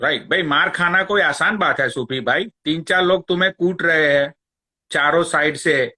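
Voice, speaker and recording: A man's voice: on the high side, normal speed, bright, forceful tone. A man hosting a live stream, ranting sarcastically and taunting a rival, swearing often. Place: Long Island, New York.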